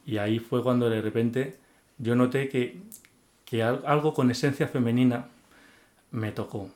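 A man's voice: mid-range voice, fairly even intonation, measured pace, darkish tone. Earnest man telling his faith story. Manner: earnest and heartfelt, with many restarts and repeated words. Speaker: guest giving a faith testimony. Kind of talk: emotional personal testimony in an interview.

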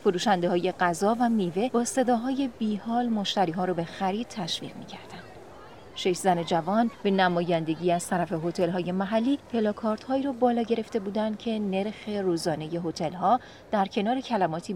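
A woman calmly narrating a story in an even reading voice. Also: mid-range voice, slight background noise.

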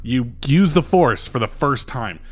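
A man's voice: medium pitch, animated, unhurried. A man narrating as game master in casual, loose talk, laughing often and swearing freely.

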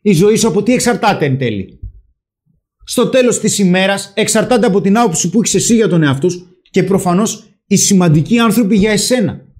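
A man hosting a talk show, speaking emphatically and loudly, with frequent swearing. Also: sits high, animated. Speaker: podcast host. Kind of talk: animated opinion talk.

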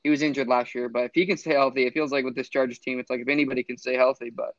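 A man's voice: medium pitch, steady tone, very fast, dry recording, dull audio. A man co-hosting a sports podcast, rambling with fillers and restarts. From Florida. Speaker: podcast co-host. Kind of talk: casual sports chat.

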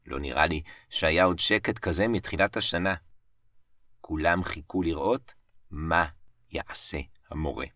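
A man narrating a first-person story in short phrases with dramatic pauses. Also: sits low, dry recording. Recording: dry voice set back from the mic, soft music bed. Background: soft piano music.

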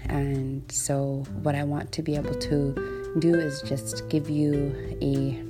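A woman with an Inuit accent from Nunavut, raised speaking Inuktitut, talks informally as a podcast host. Her voice sits low and stays fairly flat in melody. She feels her way through sentences with hesitant pauses, while guitar music plays clearly behind her. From Iqaluit, Nunavut, Canada. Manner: hesitant, halting, thinking aloud. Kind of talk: informal solo podcast introduction.

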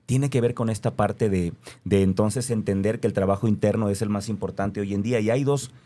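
A man's voice: lowish voice, brisk, warm tone. A man with a Mexican accent speaking earnestly in a reflective conversation, stressing his points by repeating them.

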